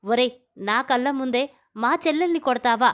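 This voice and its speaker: A woman's voice: sits high, normal speed, a bit bright. A woman voicing a stern young man who scolds others as the protective elder brother. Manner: firm, scolding.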